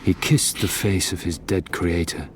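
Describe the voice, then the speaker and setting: An earnest expedition captain in a gothic radio drama, with a low, solemn voice. His delivery is dramatic, set against clearly audible background ambience. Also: a little slow, slight background noise. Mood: solemn, haunted. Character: earnest, ambitious male Arctic expedition captain. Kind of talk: gothic audio drama dialogue and narration.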